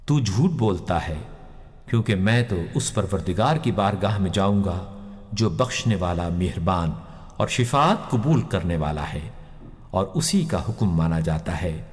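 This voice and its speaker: A man voicing a revered holy man speaking gravely and slowly in prayer, recorded with long hall reverb. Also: deep voice, animated. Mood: solemn. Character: revered holy man praying solemnly, male, calm and grave.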